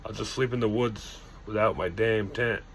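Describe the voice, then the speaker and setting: A man voicing a confused, frustrated male Sasquatch with a surprisingly high-pitched, whiny voice in a spoken campfire story. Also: steady tone, moderate pace, fairly bright tone, a little hiss or hum. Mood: huffy. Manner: whiny, petulant.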